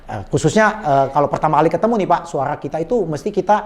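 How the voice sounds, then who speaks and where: A man coaching on sales manners in a lively conversational talk, explaining with quick asides and often addressing his listener politely. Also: fairly high pitch. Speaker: sales trainer.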